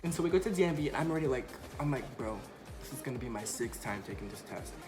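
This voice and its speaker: Animated young man telling a story. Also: medium pitch, quick pace, reverberant, over music. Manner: animated, acts out quotes. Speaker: vlogger. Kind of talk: casual storytelling.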